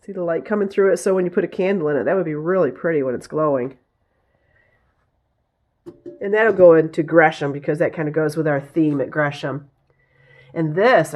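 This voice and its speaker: A woman with a raspy, hoarse voice from a head cold, chatting casually as she shows off her thrift finds, often pausing to search for words. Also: low voice. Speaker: vlogger showing thrift finds. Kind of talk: casual haul show-and-tell.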